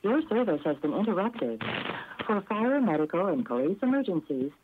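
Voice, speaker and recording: Woman, recorded payphone message, lively up-and-down delivery, tinny phone line, polite announcer. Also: on the low side, moderate pace, background noise.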